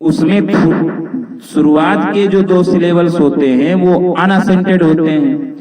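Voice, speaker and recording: Indian man, english teacher, slow deliberate delivery, fairly high voice, echoey room, mic far off. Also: steady tone, a little mellow. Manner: reads English questions slowly, then explains in Hindi, repeating himself. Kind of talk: exam-prep lecture mixing Hindi and English.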